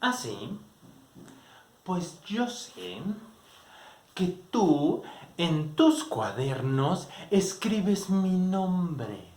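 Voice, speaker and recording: A man voicing an indignant young girl, scolding in a high squeaky voice. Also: big pitch swings, extremely slow, pauses often, darkish tone, roomy sound, exaggerated voice. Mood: accusing.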